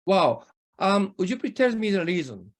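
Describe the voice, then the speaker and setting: This is a native Japanese interview host with a Japanese accent. The delivery is conversational and highly animated in intonation, moving freely around a mid-range pitch. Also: normal speed.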